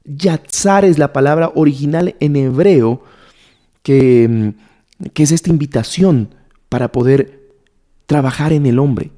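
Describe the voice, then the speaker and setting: A man's voice: on the high side, slow pace, long pauses, mellow. A man preaching and teaching the Bible to a gathered audience. He keeps asking his listeners questions and repeats key words to drive his points home. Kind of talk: sermon-style Bible teaching.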